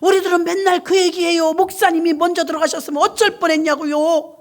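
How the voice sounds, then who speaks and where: A woman's voice: very high voice, fairly even intonation, brisk, voice pushed up. A woman putting on a gushing elderly deaconess. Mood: earnest, grateful. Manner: gushing, pleading, emphatic. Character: elderly Korean deaconess women, grateful, earnest.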